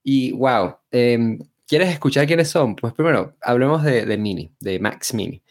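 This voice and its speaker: A man co-hosting a casual wrestling discussion, talking informally and haltingly with chatty asides. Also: mid-range voice. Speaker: wrestling show co-host.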